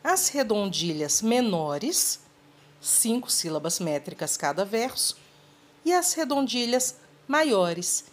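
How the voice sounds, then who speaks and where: Female teacher, slow delivery, lively pitch, patient explaining tone. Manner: patient, explanatory, addresses students directly. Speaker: literature teacher. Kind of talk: recorded lesson.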